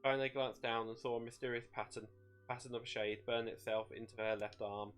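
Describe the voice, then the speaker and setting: A man with a medium-pitched voice narrates a dramatic story. He now and then trips on a word and repeats it, and music plays behind him. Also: little pitch movement, normal speed, a bit bright. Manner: stumbles over words and rereads them.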